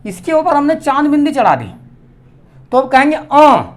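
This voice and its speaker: A man teaching a grammar lesson, slowly spelling out and repeating each vowel sound. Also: very high-pitched, wildly swooping pitch.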